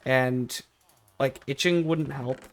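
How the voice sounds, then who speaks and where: A man's voice: medium pitch, steady tone, slow pace. A young man telling a personal story in a casual vlog style, rambling and repeating himself with emphatic, exaggerated complaint. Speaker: video creator.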